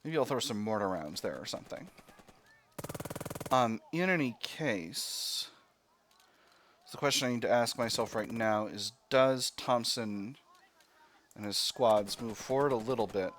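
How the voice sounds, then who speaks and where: A man's voice: on the low side, slight background noise. A man hosting a video game let's play, thinking aloud as he talks through each decision step by step with mild exclamations.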